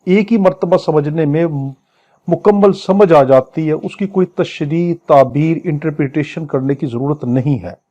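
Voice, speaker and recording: His pitch a little high and his tone dark, a Pakistani-accented man lectures on law ahead of an exam. He explains the legal wording phrase by phrase, teaching didactically, repeating and paraphrasing, and switching to slow English readings. The top end of the audio is cut off.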